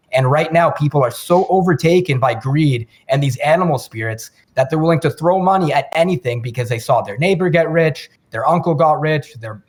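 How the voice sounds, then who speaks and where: A man co-hosting a finance podcast, explaining markets in a measured, lecturing way. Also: medium pitch. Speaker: podcast co-host. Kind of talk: casual chat.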